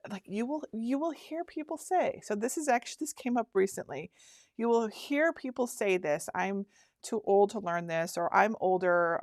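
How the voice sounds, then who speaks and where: A woman's voice: medium pitch, no echo, studio quality. A woman in her fifties hosting a casual livestream, chatting with viewers and reading their comments aloud. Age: 50s. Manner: chatty, reads viewer comments aloud, frequent restarts and laughs. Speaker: craft workshop host.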